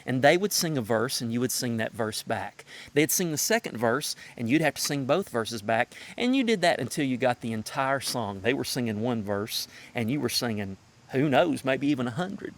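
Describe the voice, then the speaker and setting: A man's voice: mid-range voice, expressive, normal speed. A man from the North Carolina mountains with a Southern Appalachian accent, giving a prepared introduction in a folksy storytelling way with emphatic phrasing. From Madison County, North Carolina mountains, United States.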